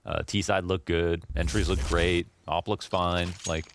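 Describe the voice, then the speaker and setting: A man with a fairly low voice analyses an esports match as a co-caster. He talks casually, in loose conversational phrases. Game gunfire and clicks are clearly audible behind him. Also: flat delivery, unhurried, a little hiss or hum. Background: video game gunshots and clicks.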